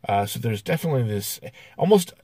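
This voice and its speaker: Man, film reviewer, casual and halting, dry recording. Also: medium pitch, lively intonation, darkish tone, breathy edge, dry recording. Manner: hesitant, many "uh" fillers. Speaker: movie reviewer.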